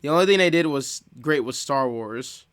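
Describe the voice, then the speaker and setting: A man's voice: mid-range voice, lively intonation, normal speed, fairly bright tone, smooth. A male streamer making sarcastic, mocking asides while watching a show. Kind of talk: casual stream commentary.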